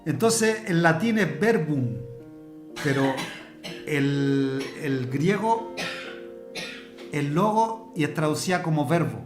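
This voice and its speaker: A preacher, teaching a church discipleship class in a conversational way and explaining with everyday examples. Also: male voice, a little high, expressive, takes it slowly, long pauses, roomy sound, over music. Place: church hall.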